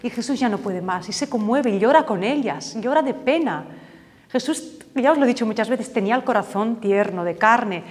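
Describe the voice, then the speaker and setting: A woman's voice: fairly high pitch, animated, normal speed. A woman teaching a Bible class, telling gospel stories vividly and acting out the voices in the quotes. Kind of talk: storytelling Bible lesson. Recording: long reverb, hall-like echo.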